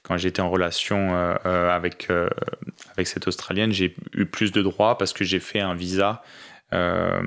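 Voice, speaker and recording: A young man from France answers questions in a loose, relaxed way, pausing on fillers and restarting his sentences. His voice sits very low with a gravelly edge. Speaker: interview guest, business owner in Australia. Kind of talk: casual podcast interview.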